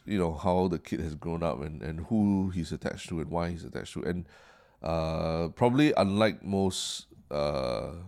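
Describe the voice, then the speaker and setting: A man's voice: sits low, darkish tone. A man with a Singaporean accent who co-hosts a casual discussion in Singlish, speaking carefully and often repeating words as he works out his point. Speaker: podcast co-host.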